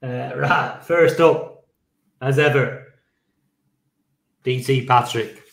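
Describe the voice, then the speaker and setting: A man's voice: mid-range voice, very slow, creaky, fairly bright tone. Casual man in a roomy echo. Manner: casual, swears, laughs easily. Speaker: podcast co-host. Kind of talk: casual chat.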